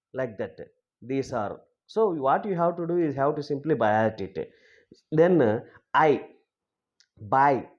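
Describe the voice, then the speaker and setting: A man with a Telugu accent teaching English phonetics, slowly and haltingly, with many fillers, repeating example words. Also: mid-range voice, lo-fi sound. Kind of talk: phonetics lesson, exam tips.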